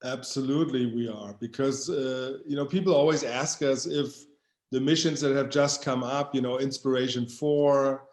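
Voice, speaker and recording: A man's voice: medium pitch, steady tone, moderate pace, darkish tone. A man speaking as a co-founder in an interview, earnest and rhetorical, checking in with "right?" often. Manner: earnest, rhetorical, tag questions. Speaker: co-founder, guest. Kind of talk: inspirational interview answer. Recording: roomy echoey audio.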